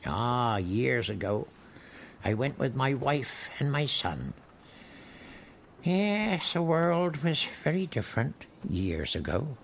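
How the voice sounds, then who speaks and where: An actor playing a very old, lonely widowed cobbler who chuckles often, in a radio drama with music underneath. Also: male voice, mid-range voice, very animated, slow pace, vocal fry, slight background noise, full character voice. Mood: wistful. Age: older.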